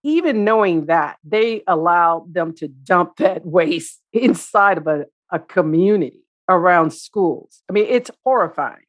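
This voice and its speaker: A woman with a fairly low voice, interviewed as an expert, speaks emphatically and with indignation. The recording is dry and close. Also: animated, measured pace, few pauses, dry recording.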